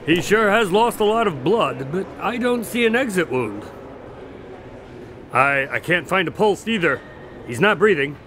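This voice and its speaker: Exasperated doctor sidekick played by a man: bright, forceful, sarcastic, audio drama, faint noise behind. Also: sits high, a little slow. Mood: urgent, concerned. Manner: animated, incredulous, sarcastic. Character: earnest, exasperated doctor, the detective's loyal male sidekick.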